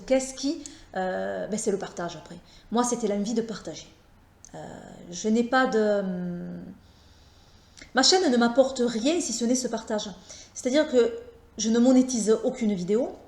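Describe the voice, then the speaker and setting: A woman with a Southern French accent talking casually to her viewers, hesitant and halting, with many fillers and restarts. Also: fairly high pitch, a little mellow, echoey room. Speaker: tarot YouTuber. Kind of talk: casual vlog talk.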